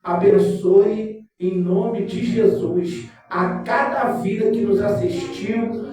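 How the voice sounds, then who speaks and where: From across a very echoey small church hall, with music underneath, a woman with a Carioca accent from Rio de Janeiro, Brazil, speaks Portuguese as a church leader closing a service. Her mid-range, dark-toned voice moves slowly through a sermon and closing prayer, fervent and often slipping into chanted phrases while prompting "amen?" replies.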